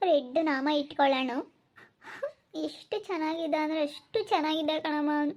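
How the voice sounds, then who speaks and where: A woman's voice: high-pitched, steady tone, normal speed, darkish tone, highs cut off, lightly acted. A woman playing a young village woman who rambles wistfully about a man she was fooled by. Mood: regretful.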